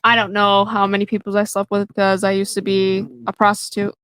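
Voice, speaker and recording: A woman's voice: mid-range voice, completely flat delivery, brisk, a bit bright, clear, resonant tone, dry recording. A woman guest on a podcast panel, speaking matter-of-factly. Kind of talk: casual panel talk.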